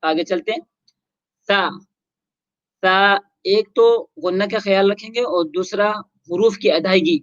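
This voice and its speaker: A Quran recitation teacher running a tajweed lesson, chanting syllables slowly in drills and explaining rules in quick asides. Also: mid-range voice, no room sound. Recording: dull lo-fi recording.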